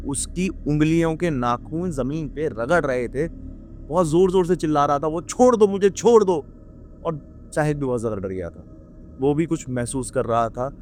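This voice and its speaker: A young man narrates a horror story in lively, dramatic Hindi, his voice sitting a little high for a man. He acts out each character's lines, lifting and dropping his pitch sharply and dropping in English words. Faint music plays quietly behind him. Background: faint background music.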